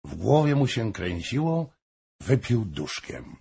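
A man narrating a historical novel as an audiobook, in slow, expressive storytelling. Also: mid-range voice, creaky, husky.

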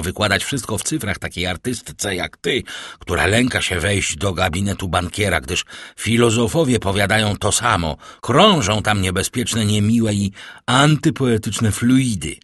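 A man's voice: on the low side, fairly bright tone, husky, dry recording, studio quality. A man voicing a cold, scheming middle-aged banker who lectures his daughter with sarcastic irony. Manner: stern, ironic, lecturing. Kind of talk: audiobook character voicing.

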